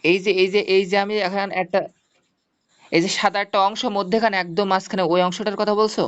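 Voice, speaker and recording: A man's voice: high voice, little pitch movement, brisk, fairly bright tone, smooth. A male teacher gives an online zoology lesson, explaining step by step, repeating mnemonics and checking that students follow. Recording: dull lo-fi audio.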